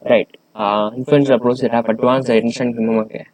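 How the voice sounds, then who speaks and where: A man's voice: medium pitch, steady tone, quick pace, darkish tone, dry recording, poor audio. A man reading a research paper aloud and explaining it, hesitant, with many fillers and restarts.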